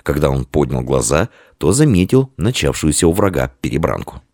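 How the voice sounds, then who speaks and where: Deep, lively male storyteller. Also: moderate pace, no room sound, clean studio sound. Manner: expressive storytelling. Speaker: narrator. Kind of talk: audiobook narration.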